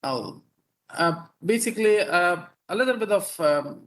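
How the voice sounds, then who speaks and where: Halting Afghan-born male surgeon, fairly high voice. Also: lively intonation, a bit bright, poor audio. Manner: halting, many fillers and repeated words. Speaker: neurosurgeon and professor presenting. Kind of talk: conference talk over video call.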